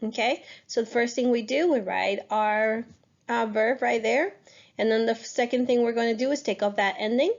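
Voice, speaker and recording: A woman's voice: on the high side, normal speed, gravelly. A woman teaching a recorded lesson, speaking patiently and stressing the key rules as she explains. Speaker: Spanish teacher. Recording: dull lo-fi recording.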